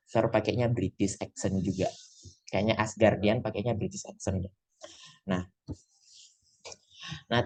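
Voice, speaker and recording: Over a video call, a male tutor with a fairly low, darkish voice gives an online English lesson picked up by his computer mic. His lecture is chatty, and he drops English phrases into his explanations.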